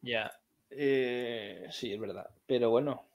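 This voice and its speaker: A man, co-hosting a relaxed livestream, playful and quick to laugh as he reads out suggestions. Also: mid-range voice, no room sound, highs cut off. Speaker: podcast co-host. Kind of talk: casual chat on a livestream.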